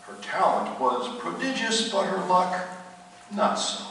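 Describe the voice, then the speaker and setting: A man's voice: high voice, lively intonation, slow, full character voice. A man playing a gloomy, exasperated poet's ghost with formal, theatrical speech in a radio play. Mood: defensive, guilty. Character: exasperated, gloomy, guilt-ridden male poet ghost. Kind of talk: live radio play acting. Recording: distant, noisy, very echoey hall.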